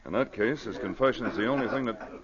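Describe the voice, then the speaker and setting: A muffled old radio recording with crowd noise behind an actor as a Mountie sergeant. His medium-pitched male voice is decisive, dutiful and commanding. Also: fast talker, lightly acted. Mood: grave, decisive. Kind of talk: old-time radio drama acting.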